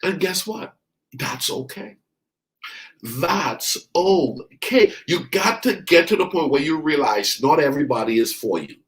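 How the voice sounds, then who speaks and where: Through a rough recording comes a medium-pitched man from the Bahamas, a life coach giving a motivational sermon. He speaks to his listeners directly, repeating lines for stress and slowly elongating the key words.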